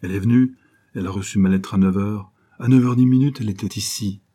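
A man's voice: on the low side, steady tone, fast talker, dark tone, lightly acted. A man reading a novel aloud, voicing a vain and smug young man who boasts in a sneering way. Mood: boastful.

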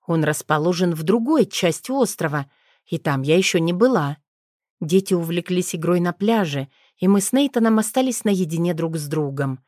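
A woman with a fairly low voice reads a first-person audiobook in a steady, expressive way. The sound is close and dry, with no room echo. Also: normal speed. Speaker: audiobook narrator.

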